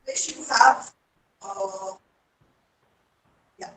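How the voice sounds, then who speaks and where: A woman's voice: very high voice, animated, very slow, gravelly, sharp tone, reverberant, far from the mic, a little hiss or hum. Woman lecturing over a distorted phone mic. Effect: distorted, breaking-up phone mic. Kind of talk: online lecture on research writing.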